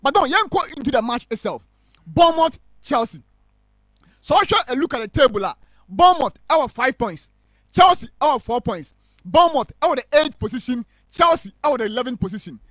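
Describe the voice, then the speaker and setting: A man giving animated football commentary on a live stream, mixing English and Twi. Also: very high-pitched, fairly quick, no echo. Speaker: football pundit.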